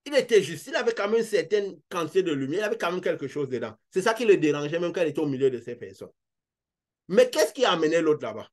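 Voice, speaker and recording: A man preaching a sermon in an earnest, repetitive way, swinging his emphasis up and down. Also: a little high.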